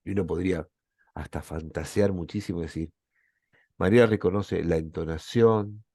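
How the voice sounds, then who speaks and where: A man's voice: deep voice, fairly even intonation, normal speed, mellow, dry recording, clean studio sound. A man with an Argentine accent giving a reflective Bible lecture as a professor, often checking in with his listeners. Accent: Argentine Spanish.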